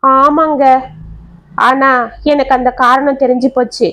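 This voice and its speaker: A woman's voice: high-pitched, flat delivery, a little slow, fairly bright tone. A woman doing a tearful hurt young wife. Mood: hurt, pleading. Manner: pleading, choked with sobs.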